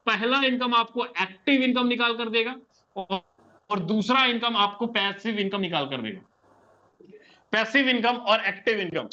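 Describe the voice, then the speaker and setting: A man's voice: sits high, sharp tone, lo-fi sound. A man giving an online sales presentation, pushy and emphatic, repeating key points and calling the listener sir and brother. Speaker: business plan presenter.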